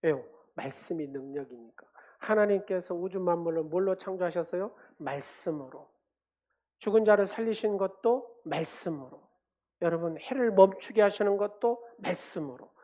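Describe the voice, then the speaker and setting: In a church sanctuary, a male pastor preaches a sermon with emphasis, leading the congregation in call-and-response. His voice is high-pitched with a dark tone, delivered at normal speed.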